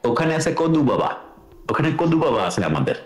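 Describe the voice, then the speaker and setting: A foul-mouthed man rants at speed on a talk show panel, his voice a bit high. He joins over a video call from an echoey room. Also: very animated, a little fast. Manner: crude, profane, ranting. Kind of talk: heated online talk show discussion.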